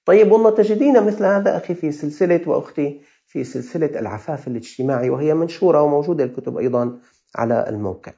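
A man's voice: a little high, animated, very fast, dark tone, highs cut off. A man with a Levantine Arabic accent, a religious scholar answering listeners' questions with earnest, fatherly advice.

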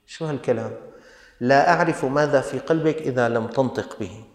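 A man's voice: mid-range voice, brisk. A man with a Levantine Arabic accent preaching a sermon, scolding his listeners with pointed rhetorical questions. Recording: echoey hall.

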